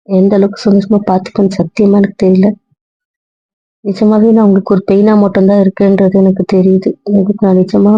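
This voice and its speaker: A woman's voice: mid-range voice, no echo, close to an everyday voice. Young woman as guilt-ridden, pleading wife, dry, muffled lo-fi audio-drama role-play. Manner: pleading, repeating apologies. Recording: dull lo-fi recording, dry.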